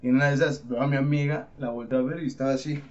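A man's voice: mid-range voice, fairly even intonation, rapid-fire, over a noisy crowd. A man with a Mexican accent, hosting a podcast and telling stories in slangy casual chat while laughing often. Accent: Mexican Spanish. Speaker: podcast host. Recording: slightly muffled with faint noise.

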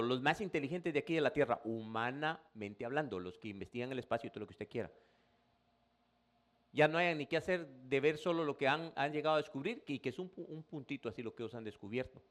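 A man's voice: fairly high pitch, a bit bright. A male pastor preaching a sermon in a conversational way, often addressing the listener as brother and rising into emphatic bursts.

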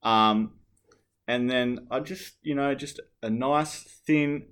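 A man's voice: medium pitch, takes it slowly, a bit bright, clear, resonant tone. A man, co-hosting a podcast in casual, rambling chat full of fillers. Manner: rambling, filler-heavy, opinionated. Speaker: podcast co-host.

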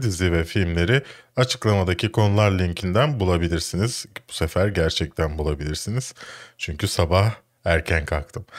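A young man hosts a weekly film and series podcast in easy, chatty tones. His voice sits fairly low and sounds close and dry. He is animated and quick to get worked up. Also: no room sound. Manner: animated, gets worked up and shouts in exasperation. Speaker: podcast host. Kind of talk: casual chat.

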